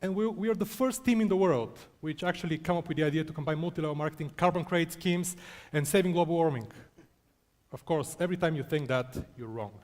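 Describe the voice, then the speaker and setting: Man from bulgaria, founder telling a self-mocking story on stage, slightly high voice. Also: quick pace, darkish tone. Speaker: startup founder presenting. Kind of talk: conference talk.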